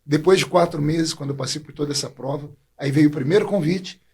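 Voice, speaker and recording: A man's voice: on the high side, a little fast, darkish tone. A man from Brazil, a preacher, telling his personal faith story in a heartfelt way, his voice catching with emotion. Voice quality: gravelly, husky voice.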